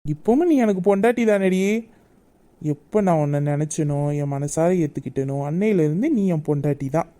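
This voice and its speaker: Woman acting a hurt young man in love, sulking and reproachful, mellow dark tone, high-ish voice, romantic audio drama. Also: moderate pace, pauses often, lightly acted. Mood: tender.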